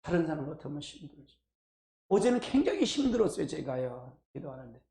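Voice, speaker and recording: A man's voice: fairly high pitch, very animated, a little fast, creaky, dark tone. A middle-aged man preaching at a church prayer meeting in a folksy call-and-response style with personal asides. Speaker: pastor. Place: church sanctuary. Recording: echoey church hall.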